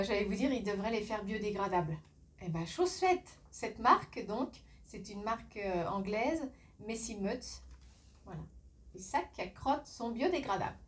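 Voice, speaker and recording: A woman's voice: mid-range voice, expressive, unhurried, pushed and bright, far from the mic. A woman from France chatting casually through a shopping haul, laughing often and filling her speech with hesitations, recorded on a phone. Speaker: vlogger.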